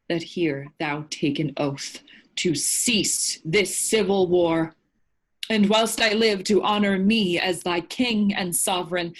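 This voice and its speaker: Woman acting husky, meek King Henry. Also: mid-range voice, natural voice. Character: meek, sorrowful, gentle king. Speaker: actor in staged reading. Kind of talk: Shakespearean verse drama.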